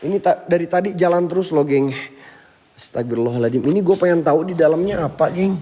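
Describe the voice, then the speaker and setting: A man's voice: sits high, steady tone, fast, warm tone. A young man live-streaming a ghost hunt, jumpy and calling out to spirits while muttering prayers under his breath. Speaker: paranormal explorer streamer.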